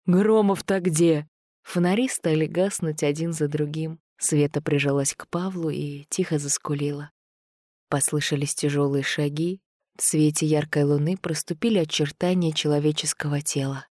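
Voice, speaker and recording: A woman narrating an audiobook thriller in a steady, tense storytelling manner. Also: low-pitched, normal speed, no room sound, clean studio sound.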